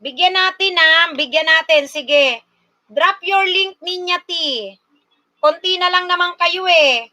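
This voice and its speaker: A woman from Bicol in the Philippines hosting a casual livestream, slowly coaxing her viewers and talking to them directly. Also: extremely high pitch, sharp tone. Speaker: livestream host.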